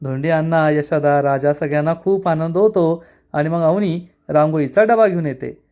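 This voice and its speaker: Guy narrating a tv serial recap, lively, does the voices, slightly high voice. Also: normal speed, dull audio. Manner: lively retelling with acted quotes. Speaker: serial episode reviewer. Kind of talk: storytelling episode recap.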